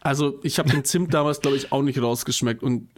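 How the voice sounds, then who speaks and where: Young male co-host, loose and rambling, slang-heavy, quick to laugh. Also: mid-range voice. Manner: rambling, self-correcting, laughs often, youth slang. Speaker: podcast co-host. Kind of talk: casual chat.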